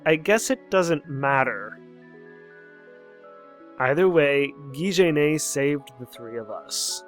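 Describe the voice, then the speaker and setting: A man's voice: a little high, lively intonation, takes it slowly, soft background music. A young man casually commenting on a game as he plays, musing aloud, reading lines of dialogue and chuckling often. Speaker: let's play host.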